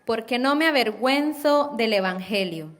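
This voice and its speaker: A woman reading a Bible verse aloud for a congregation in a steady, careful way. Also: a little high, moderate pace.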